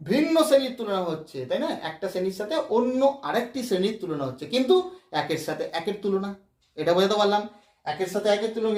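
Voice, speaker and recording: Male grammar teacher with a high voice. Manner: explains step by step, often asks "right?". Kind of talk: Bengali-language grammar lesson. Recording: echoey room, mic at a distance.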